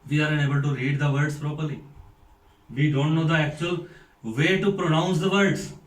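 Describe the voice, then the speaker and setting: A man's voice: a little high, fairly even intonation. Echoey Indian man lecturing a class. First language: Hindi. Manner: deliberate, repeats points and asks rhetorical questions. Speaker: school principal. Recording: echoey room, mic far off.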